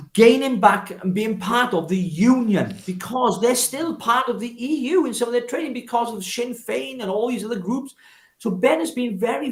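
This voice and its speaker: A high-pitched man from Wales, an activist and former parliamentary candidate, speaks spontaneously in a political interview, emphatic and oratorical with plenty of repetition and rhetorical questions. The recording has a roomy sound.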